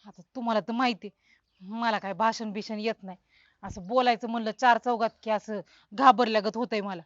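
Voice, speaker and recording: A woman's voice: on the high side, steady tone, no room sound, highs cut off, lightly acted. A woman playing a nervous new sarpanch. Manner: hesitant, halting.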